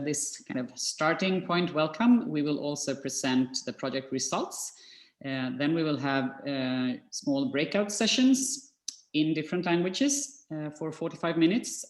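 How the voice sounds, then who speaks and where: A woman's voice: low voice, darkish tone. A woman hosting an online workshop, talking with many fillers and restarts. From Sweden. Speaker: workshop host. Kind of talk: online meeting moderation. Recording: echoey video-call audio.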